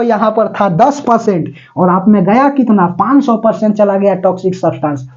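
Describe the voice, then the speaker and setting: A man's voice: sits high, a little mellow, lo-fi sound. A male teacher giving a chatty classroom lecture, mixing English terms into his talk and often checking that students follow. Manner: mixes English terms into Hindi; breaks into snatches of song.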